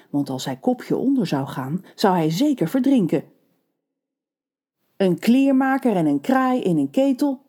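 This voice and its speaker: Playful, mellow-voiced female storyteller. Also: mid-range voice. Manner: playful, expressive. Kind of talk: scripted story narration.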